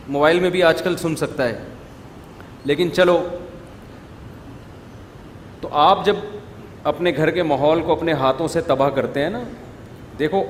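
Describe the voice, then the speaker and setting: A middle-aged male preacher, talking in a conversational, scolding way full of rhetorical questions. His voice sits a little high for a man. The recording carries a long hall reverb and a faint murmur of room noise. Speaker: religious scholar, preacher. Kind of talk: informal religious talk to an audience.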